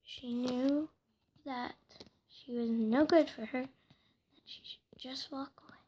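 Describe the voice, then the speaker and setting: A woman telling a home-made story casually, hesitant and soft, often slipping into whispers, with faint noise behind her. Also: high voice, fairly even intonation, slow, dull audio.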